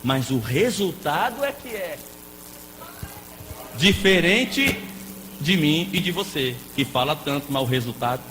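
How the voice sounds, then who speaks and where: A man preaching a lively sermon as a pastor, playful and joking with the congregation. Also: on the high side, unhurried, pauses often. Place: church hall. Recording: echoey hall with faint noise.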